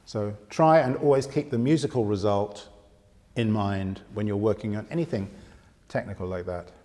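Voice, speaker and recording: This piano teacher has a voice on the low side and speaks at normal speed. He explains patiently, counting fingers aloud as he demonstrates. The recording carries long room reverb from a very resonant space, with loud piano playing behind him.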